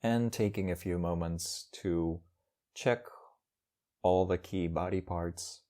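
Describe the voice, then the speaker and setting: A man leads a guided meditation as a teacher, speaking calmly in short, measured phrases separated by pauses. His voice is low-pitched.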